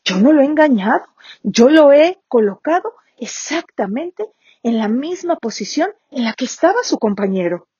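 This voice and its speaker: A woman voicing a calm female hospital nurse who politely explains. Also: high voice, moderate pace, breathy edge, no echo, muffled recording, voice pushed up, exaggerated voice.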